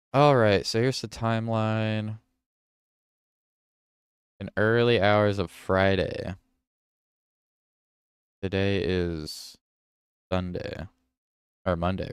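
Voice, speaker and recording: A man's voice: lowish voice, clear, resonant tone, no echo, clean studio sound. A man hosting a livestream, reading news headlines aloud and reacting to them, with self-corrections. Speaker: livestream host.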